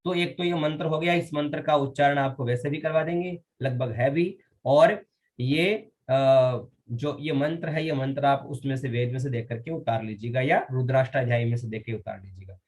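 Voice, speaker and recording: A man teaching a Vedic ritual class, explaining rites and chanting mantras slowly, syllable by syllable, and often asking his students if they follow. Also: medium pitch. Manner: often checks with students, asking "all right?".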